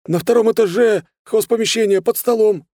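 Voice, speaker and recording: A man voicing a panicky male henchman who yells out his answers. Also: fairly low pitch, big pitch swings, measured pace, no room sound, studio quality, voice pushed up. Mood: panicked. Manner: yelling in panic. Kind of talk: audiobook character voice.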